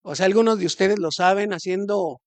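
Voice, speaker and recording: A man's voice: high voice, fairly quick, no room sound. Conversational man preaching a sermon. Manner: conversational, with rhetorical questions and hesitant restarts. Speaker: pastor. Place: church hall.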